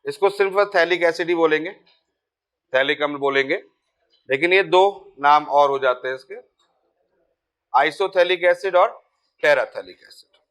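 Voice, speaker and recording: A man's voice: fairly high pitch, moderate pace, long pauses, fairly bright tone, clean tone. A man teaching chemistry, talking casually and repeating key terms while checking that students follow. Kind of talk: board lecture.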